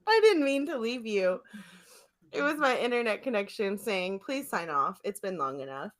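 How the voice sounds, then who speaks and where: Co-hosting a podcast via a remote internet call, a woman chats casually in an effusive, giggly way. Her mid-range voice swings widely in pitch, unhurried and a bit bright.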